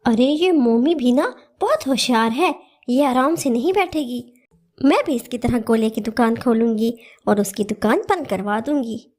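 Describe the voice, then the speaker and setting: A woman's voice: on the high side, lively intonation, moderate pace, a little mellow. A woman voicing a jealous, scheming auntie bird in a cartoon, with a sly, coaxing manner.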